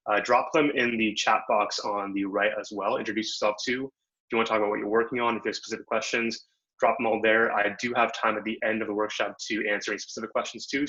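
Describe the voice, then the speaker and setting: In a low-ish, bright voice with a forceful tone, a young man from Bangladesh gives an easygoing, upbeat online workshop talk stuffed with slang and fillers. It's recorded as dull, lo-fi video call sound.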